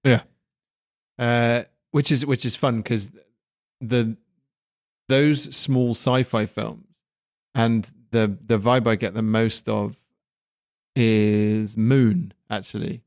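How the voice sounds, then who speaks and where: A man chatting casually about films, relaxed and a bit halting. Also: mid-range voice, no echo, studio quality. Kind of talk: casual film discussion.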